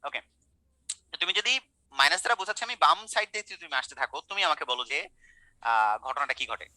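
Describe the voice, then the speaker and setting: Young male math tutor, online class. Bright, fast delivery, keeps checking in with students. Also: on the high side, very animated, no echo, low-quality recording. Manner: colloquial, coaxing, quizzing students. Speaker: math teacher.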